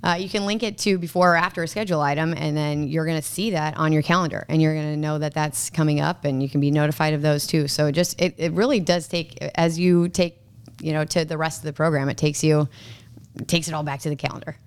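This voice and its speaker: Woman podcast guest, forties, low smooth voice, chatty and loose. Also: fairly even intonation, quick pace. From Minnesota. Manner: chatty, with frequent fillers and restarts. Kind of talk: casual podcast chat.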